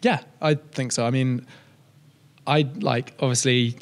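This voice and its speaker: A man's voice: medium pitch, steady tone, unhurried. A young male student answering hesitantly, with lots of "like" and restarts. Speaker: student interviewee. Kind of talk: casual vox-pop answers.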